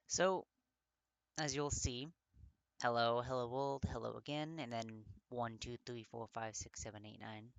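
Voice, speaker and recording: A man's voice: medium pitch, unhurried, gravelly, clean tone, no echo. A man giving a casual coding walkthrough, thinking aloud with many fillers and often getting tongue-tied and correcting himself. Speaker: coding tutor.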